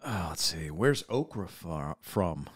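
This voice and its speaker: A man's voice: low-pitched, big pitch swings, takes it slowly, slightly rough, faint music behind. A man co-hosting a live stream, reading viewer comments and corny jokes with playful timing. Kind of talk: casual live-stream banter.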